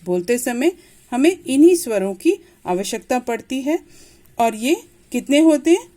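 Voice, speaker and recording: A woman's voice: high-pitched, animated, a little slow, dark tone. A woman teaching a Hindi grammar lesson, patiently repeating each point and sounding out letters one by one. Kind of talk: classroom lesson explaining letters.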